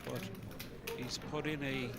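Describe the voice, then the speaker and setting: With loud crowd chatter filling the live room, this Irish-accented man talks casually through a poker game, slipping in colloquialisms and tentative side remarks. His medium-pitched delivery is flat and unhurried.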